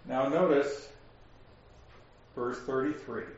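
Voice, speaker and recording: A man teaching a Bible study, explaining verses slowly and asking his class questions. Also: mid-range voice. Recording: echoey room, distant lo-fi mic.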